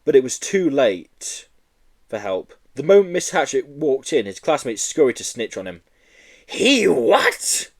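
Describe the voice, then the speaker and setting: A man reading a children's book aloud in an animated storytelling manner. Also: mid-range voice, normal speed. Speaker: audiobook reader. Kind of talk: storybook narration.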